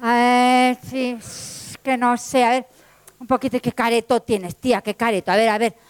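A cocky, street-smart female Lie from a spoken folktale, as a storyteller puts her on. She bosses and nags in rough slang, brisk and blunt. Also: on the high side, level tone, no echo, close to an everyday voice. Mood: brash, bossy. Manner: blunt slangy bossing, calls others "tía". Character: brash, slangy, bossy female Lie, showy and street-wise.

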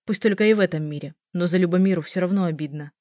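Female audiobook narrator, low and even, dry recording. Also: racing, no room sound. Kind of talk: scripted narration.

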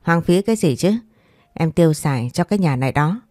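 A woman's voice: low voice, expressive, brisk, dark tone, no room sound, clean studio sound. A woman voicing a spoiled, hot-tempered young wife who quarrels shrilly. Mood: angry.

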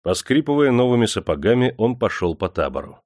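A man reading an audiobook in steady, measured scripted narration. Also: medium pitch, no room sound, studio quality.

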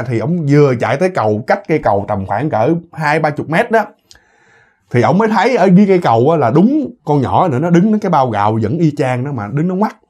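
A man with a Southern Vietnamese accent telling a ghost story in an animated, casual way, often repeating words and speaking to his listeners. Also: fairly high pitch, slightly rough.

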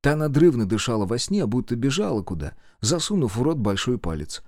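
Low voiced guy reading a story, very animated, dead dry recording. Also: a little fast, no echo. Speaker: narrator. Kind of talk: audiobook narration.

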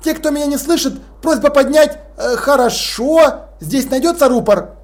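Brief: man doing a keen, rule-bound young officer, light and high. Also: normal speed. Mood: earnest. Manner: earnest, eager. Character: earnest dutiful young male watch officer.

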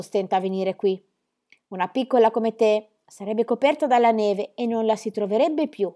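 Storybook grandfather, older man, stern and scolding, read by a woman; lively pitch. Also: close to an everyday voice. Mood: firm. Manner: scolding, emphatic. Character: stern gruff old grandfather. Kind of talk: audiobook reading.

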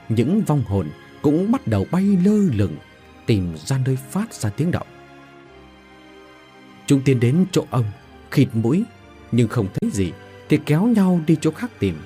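A man narrating a scripted horror story in a dramatic, expressive way. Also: medium pitch.

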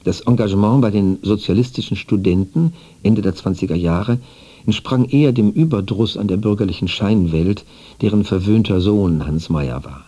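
A man narrating a scripted radio feature in an even, formal, literary manner. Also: on the low side, normal speed.

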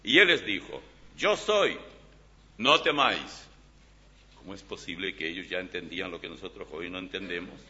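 A man preaching a sermon in Spanish and reading Bible passages aloud, with emphatic swings in loudness. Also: low-pitched. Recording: dull reverberant hall recording.

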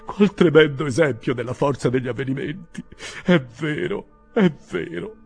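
A man reading aloud plays a vehement old gentleman, his voice climbing high and strained with outrage. Every line swings widely in pitch, and faint music sits under the storybook reading. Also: lively intonation, moderate pace, gravelly, breathy edge, exaggerated voice. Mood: dismayed. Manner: high-pitched, exclamatory outbursts. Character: indignant elderly gentleman, flustered and vehement.

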